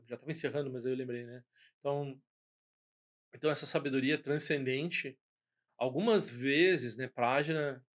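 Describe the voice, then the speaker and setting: A man's voice: medium pitch, fairly bright tone. Brazilian male Buddhist teacher, informal lesson, rambling delivery, frequent self-corrections and tag questions. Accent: Brazilian Portuguese. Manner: rambling, many restarts and "né?" tags.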